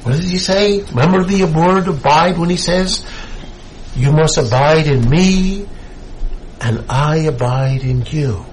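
Slow, earnest preaching man. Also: on the high side, a little hiss or hum, poor audio. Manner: slow, emphatic preaching with rising bursts of fervor. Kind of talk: sermon.

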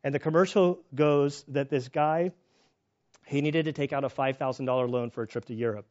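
A man's voice: mid-range voice, steady tone, fairly quick, darkish tone, highs cut off. A man preaching a sermon in a conversational way, mixing Scripture reading with stories and restarts. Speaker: pastor.

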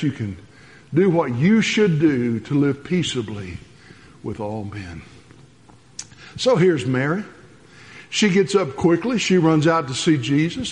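A man preaching a sermon, earnest, alternating between soft passages and rising emphasis. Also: fairly high pitch, long reverb tail. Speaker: pastor.

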